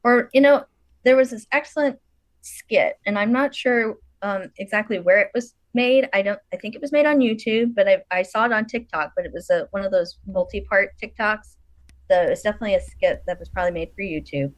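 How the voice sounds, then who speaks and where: A woman co-hosting a podcast, chatty and animated as she tells stories, laughing often. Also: medium pitch, a little fast, no room sound. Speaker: podcast co-host. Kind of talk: casual conversation.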